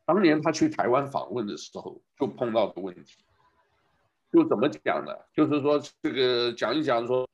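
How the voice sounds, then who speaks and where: A man's voice: medium pitch, expressive, moderate pace, highs cut off. A man giving a rambling casual commentary, speaking to his listeners and asking them one rhetorical question after another.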